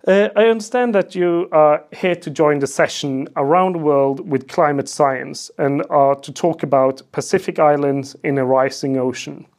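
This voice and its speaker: A man's voice: on the high side, normal speed, hardly any pauses, darkish tone. A man hosting a podcast interview in a festival booth and asking questions in a casual, easygoing way. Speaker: podcast host.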